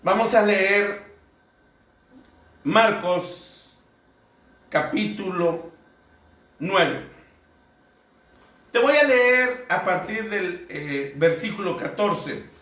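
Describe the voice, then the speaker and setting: Man preaching a sermon, slow earnest delivery, kinda far from the mic in an echoey room. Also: sits high, animated, fairly bright tone. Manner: measured, earnest preaching with rhetorical questions. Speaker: pastor. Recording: echoey room, heard from a distance.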